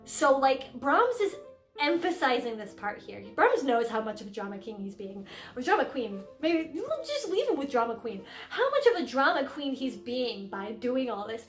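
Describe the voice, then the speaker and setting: A young woman with a high, bright voice talks through a song in a casual lesson vlog. She is animated and giggly, throwing herself into dramatic readings of the lines. The room is echoey, with soft piano music underneath. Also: normal speed. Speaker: singer explaining a song.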